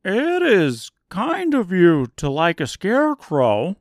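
A man reading an audiobook, voicing an earnest, hopeful male scarecrow in a raised, loud voice. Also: sits high, huge pitch swings, slow pace, no echo, clean studio sound, pitched above the performer's own voice, exaggerated voice. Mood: eager. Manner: bright, loud and eager. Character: eager, earnest male scarecrow, straw-stuffed. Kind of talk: audiobook character voice.

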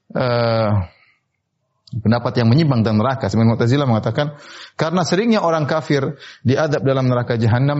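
A man giving a sermon on Quran verses, explaining Arabic word forms slowly with many repetitions and rising sharply in pitch to stress a point. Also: darkish tone. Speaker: Islamic preacher. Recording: slightly dull, muffled recording.

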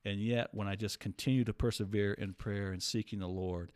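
A man's voice: on the low side, fairly even intonation, brisk, a little mellow. A man talking casually and earnestly as a Bible teacher, walking through a psalm in conversation with many restarts. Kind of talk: casual Bible study chat.

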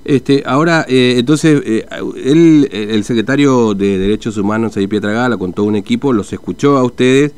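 Man, interviewer, halting, filler-heavy, conversational. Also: medium pitch, darkish tone, clean tone. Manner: hesitant, many fillers and restarts. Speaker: radio interviewer.

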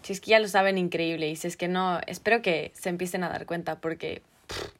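A woman's voice: fairly low pitch, fairly even intonation, a little fast. A young woman co-hosting a podcast, speaking to her listeners directly and giving them advice in a casual way. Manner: gives advice straight to listeners. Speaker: podcast co-host. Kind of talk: casual chat.

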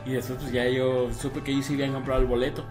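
A man's voice: mid-range voice, level tone, quick pace, a little mellow, rough recording. A man with a Mexican accent bantering casually with friends, using heavy slang and swearing freely. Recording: faint music behind the voice.

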